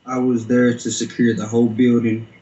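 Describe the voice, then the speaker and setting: A man's voice: mid-range voice, level tone, normal speed, dark tone, muffled recording. A man giving an informal interview account as a security guard. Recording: roomy echo.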